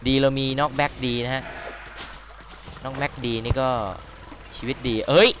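Excitable young man narrating gameplay. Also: mid-range voice, normal speed, background noise. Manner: chatty and excitable, swearing and exclaiming at the game. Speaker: gameplay commentator. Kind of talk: let's-play commentary. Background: game music.

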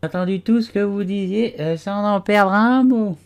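A man voicing a sleepy male dormouse in a storybook, with a faint, hoarse voice and a slow, drawn-out way of talking. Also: sits high, pitched above the performer's own voice. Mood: drowsy. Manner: drowsy, drawn-out.

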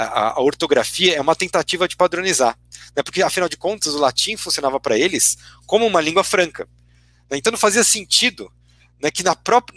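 A man's voice: on the high side, fairly bright tone, no room sound. A man with a Brazilian Portuguese accent, a guest lecturer giving a teacherly explanation, tagging his sentences with constant "né" questions. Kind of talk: explanatory academic talk.

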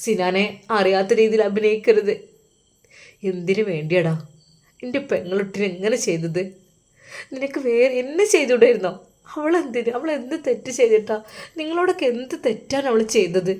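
A woman's voice: a little high, lively intonation, moderate pace, darkish tone, close to an everyday voice. A woman voicing an angry older brother who presses bitter, accusing questions, with a Malappuram Malayalam accent.

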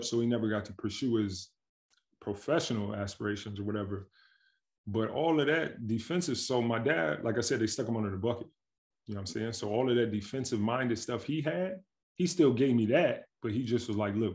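A pro basketball player in his thirties from Milwaukee, Wisconsin, USA, chats on a video call webcam from home, a staircase visible behind him indoors. His lowish, gravelly voice carries relaxed, slangy, animated stories with frequent laughs in this casual interview.

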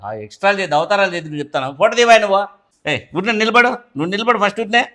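A young man with a high voice barks quick, short-tempered scoldings in a comedy skit. His talk is rapid and gruff, full of impatient orders. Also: animated, bright, forceful tone. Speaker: comedy sketch actor playing a short husband.

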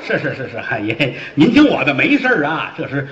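A man voicing a sly, flattering clerk who coaxes and wheedles. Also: a little high, fairly quick, noisy background. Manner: wheedling, ingratiating. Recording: dull, roomy stage recording.

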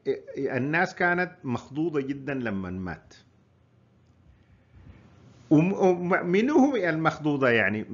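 A man's voice: fairly high pitch, gravelly, a bit bright, lo-fi sound. A man with a Sudanese Arabic accent giving an informal history lecture, explaining and repeating his points in a conversational way.

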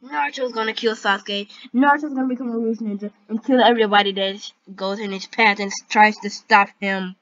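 A woman's voice: mid-range voice, steady tone, fairly quick, few pauses, a bit bright. A woman hosting a reaction video with casual commentary. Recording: dull lo-fi audio with background noise.

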